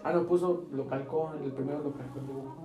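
A young man with a Mexican accent, chatting crudely with friends and laughing loudly. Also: medium pitch, steady tone, fast talker, narrow, tinny audio. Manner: loud, laughing, crude banter. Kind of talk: casual chat. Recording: echoey room with loud music.

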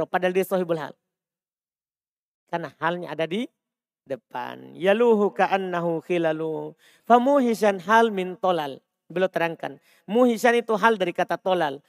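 Male religious teacher, high voice, dry close sound, drills students on Arabic grammar. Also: no room sound. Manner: quizzing students with repeated questions; mixes Arabic terms with Indonesian explanation. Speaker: Islamic studies teacher. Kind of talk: classroom lesson on Arabic grammar.

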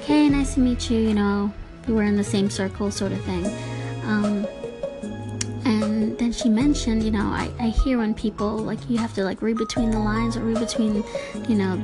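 A woman speaking in a reflective, casual monologue, halting and searching for her words as she hosts a personal vlog. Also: medium pitch. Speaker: host of a personal audio vlog.

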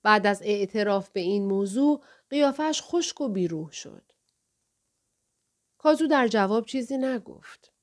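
Measured woman narrating an audiobook. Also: mid-range voice, expressive.

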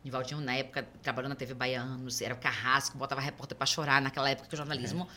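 A middle-aged woman with a Brazilian Portuguese accent, a podcast guest who tells stories in a lively way and acts out the dialogue. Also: extremely low pitch, racing, noisy background. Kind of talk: conversational storytelling.

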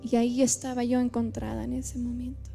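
Woman, 30s, high voice, halting and heartfelt testimony in church over faint music. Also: little pitch movement, gravelly, dark tone. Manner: heartfelt, halting, repeats phrases. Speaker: church member giving testimony.

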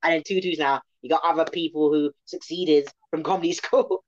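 A woman's voice: sits low, brisk. Playful young woman, slightly muffled. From England. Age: 20s. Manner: animated, playful, uses slang like innit and man. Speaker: guest comedian. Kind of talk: casual interview chat. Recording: slightly dull lo-fi sound.

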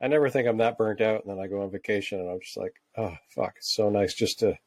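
A man's voice: fairly low pitch, fast, dry recording. A man co-hosting a casual podcast chat, laid-back and laughing often, swearing freely. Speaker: podcast co-host, tattoo artist.

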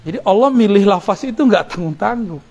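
A man's voice: high-pitched, lively intonation, a little fast, darkish tone. Man giving a casual religious lecture. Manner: conversational, mixes Arabic phrases with casual asides. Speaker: religious teacher. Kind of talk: informal Islamic study lecture.

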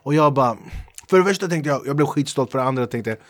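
A man's voice: medium pitch, no room sound. A man hosting a casual chat, asking questions and joking playfully. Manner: playful, joking, animated interviewer. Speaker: podcast host.

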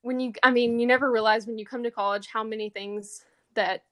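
A young woman in her twenties from East Texas, a college senior answering interview questions in a soft, halting way with many ums. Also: a little high, steady tone, no echo. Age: 20s. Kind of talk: casual interview.

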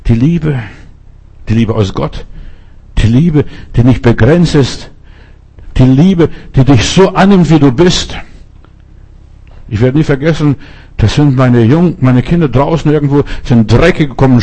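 An older man delivers a sermon in a warm, mellow voice. He tells little stories from daily life and acts out the voices of the people in them. At times he rises to loud, dramatic cries. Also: mid-range voice. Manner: storytelling with quoted voices, dramatic cries of help. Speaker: preacher.

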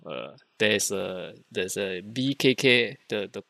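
A man's voice: lowish voice, expressive, slow pace, gravelly, bright, forceful tone. A Singaporean man chatting casually, telling an anecdote in colloquial style with rhetorical questions and quoted dialogue.

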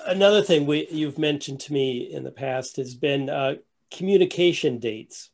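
A man's voice: on the high side, moderate pace, gravelly. A man hosting a podcast asks brief, curious questions of his guest. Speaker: podcast host. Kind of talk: interview questions.

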